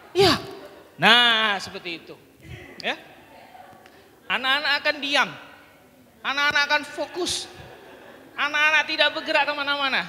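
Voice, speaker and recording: A man teaching a public speaking workshop on telling stories to children, talking in an animated, playful way and breaking into acted storytelling. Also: extremely high pitch. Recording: long hall reverb, faint room noise.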